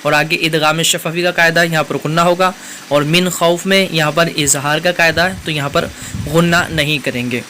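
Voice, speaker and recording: A man's voice: on the high side, steady tone, pushed and bright, slight background noise. A man teaching Quran recitation rules in a patient, methodical way, spelling out letters one by one. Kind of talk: step-by-step tajweed lesson.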